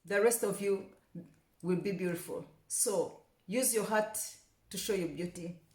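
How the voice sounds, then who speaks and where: A young Rwandan woman vlogs casually to camera, chatty and repeating words for emphasis until she grows passionate. Her voice is medium in pitch, a little slow, and darkish in tone. The room she records in is echoey.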